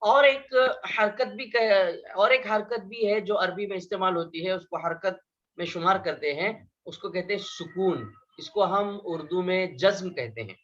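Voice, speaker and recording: A man with a high voice teaches a beginners' lesson, going over each point patiently and more than once. He often puts questions to his class and answers them himself. The recording is dull and lo-fi. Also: a bit bright. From India. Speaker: Arabic teacher.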